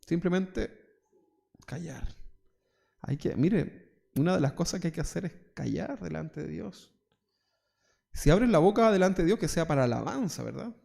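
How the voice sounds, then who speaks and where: Here a Chilean-accented male pastor delivers a conversational sermon, full of rhetorical questions, mocking asides, and mock voices. His voice is a little high and dark, with vocal fry, animated at a normal speed and broken by long pauses.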